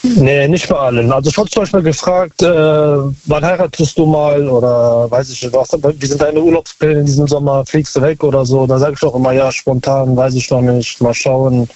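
A man's voice: medium pitch, fairly even intonation, normal speed, mellow, no echo. Young man calling in over a dull phone line. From Germany, near Cologne. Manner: hesitant, many fillers and restarts. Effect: voice heard over a phone line. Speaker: caller. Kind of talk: call-in radio chat.

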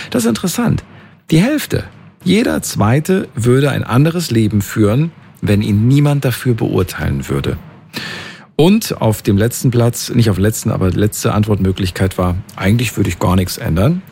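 A man's voice: mid-range voice, vocal fry, darkish tone, a little hiss or hum. A man hosting a podcast, casually talking through poll results, thinking aloud and correcting himself mid-sentence. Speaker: podcast host. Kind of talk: casual chat about listener poll results.

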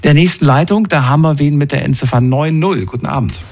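A man's voice: fairly high pitch, quick pace. A man hosting a radio phone-in show from the studio, chatting casually with callers and listeners. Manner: chatty, warm-hearted asides.

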